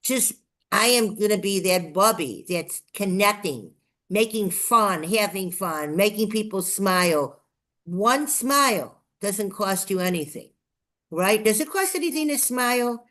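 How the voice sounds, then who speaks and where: Her voice is mid-range, a bit bright, animated and a little slow. She's an older woman with a Chicago accent, a nonprofit TV promoter being interviewed, who recounts her own story in an effusive, emphatic way and repeats phrases for effect.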